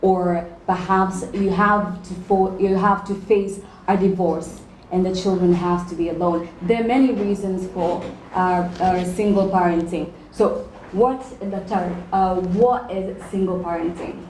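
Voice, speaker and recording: A woman hosting a talk show, asking her guests measured questions. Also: on the low side, steady tone, darkish tone. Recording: echoey studio with faint hum.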